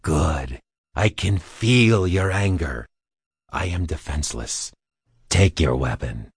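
Film villain: cruel old tyrant emperor, dragging slow pace, rasping low growl. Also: male voice, lively intonation, dry recording, studio quality, exaggerated voice. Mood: taunting. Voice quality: gravelly, husky, menacing whisper-like delivery. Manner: slow, taunting, relishing cruelty. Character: sinister old male galactic emperor, gloating tyrant.

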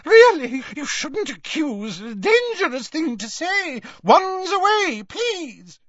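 A man's voice: extremely high pitch, sing-song, takes it slowly, fairly bright tone, no room sound, highs cut off, voice pushed up, full character voice. A man voicing a fussy, fluttery middle-aged woman shopkeeper, anxious and motherly, in an audiobook story. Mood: flustered.

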